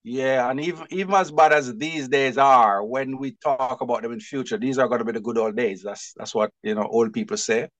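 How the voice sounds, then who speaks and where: A man with a Jamaican accent, chatting as an interview guest, lively and quick to laugh. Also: medium pitch. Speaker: guest, publisher. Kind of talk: casual interview chat.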